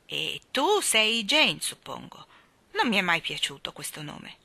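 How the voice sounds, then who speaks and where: A woman voicing a stern, domineering old spinster who scolds in a booming voice. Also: wildly swooping pitch, unhurried, gravelly, sharp tone, dry recording, full character voice. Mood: scolding.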